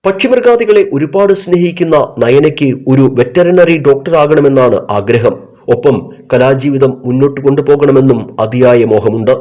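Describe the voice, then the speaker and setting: Male field reporter, measured formal voice-over, dark timbre, dry close mic. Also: medium pitch, no echo, highs cut off. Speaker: news reporter. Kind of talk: scripted news narration.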